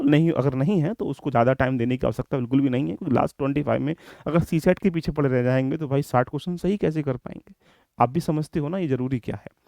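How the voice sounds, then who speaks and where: A man's voice: on the high side, darkish tone, dry recording. A man giving a direct, instructive lecture on exam strategy to his students. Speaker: exam coaching teacher.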